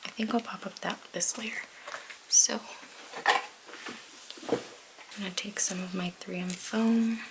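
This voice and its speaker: A woman whispering slowly through a card-making tutorial at home, hesitant and full of ums as she thinks aloud. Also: mid-range voice, steady tone, background noise. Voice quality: whispering softly. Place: home crafting desk, baby asleep nearby.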